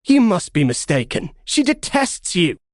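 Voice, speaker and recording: A man voicing a reserved young Spartan warrior in an audiobook, wry and measured. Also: on the high side, sing-song, no echo, studio quality, voice pushed up. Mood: astonished. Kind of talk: audiobook character voice.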